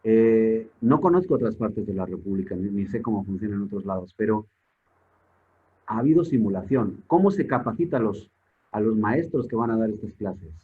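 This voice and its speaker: A Spanish-born man appears as a guest expert on public security, giving a conversational lecture in an online forum over a video call. His fairly low voice is animated and emphatic at a normal pace, full of rhetorical questions and words repeated as he searches for the next one. The audio is tinny, like a phone call.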